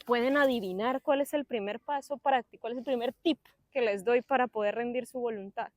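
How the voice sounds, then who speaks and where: A young woman preaching in a church service with a fairly high voice. She talks in a lively, chatty way, adding playful asides and acting out her listeners' voices. The sound is close and dry. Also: a little fast, no room sound. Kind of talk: sermon.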